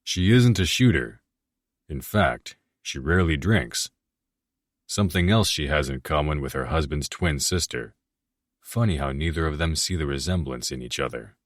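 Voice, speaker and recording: A man narrating a romance audiobook in the first person, in a steady, measured reading. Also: rumbling low, no echo, studio quality.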